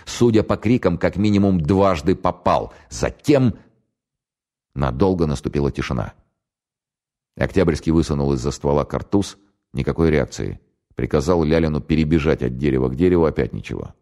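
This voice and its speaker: Very deep-voiced male audiobook narrator. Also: expressive, warm tone. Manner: measured, dramatic storytelling.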